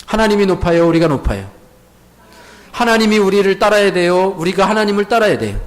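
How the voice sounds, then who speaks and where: A man's voice: sits high, sing-song, a little fast. A male pastor preaching a Sunday sermon in a church. He asks the congregation rhetorical questions, repeats key words, and has them repeat lines after him. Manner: leads the congregation in call-and-repeat. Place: church sanctuary.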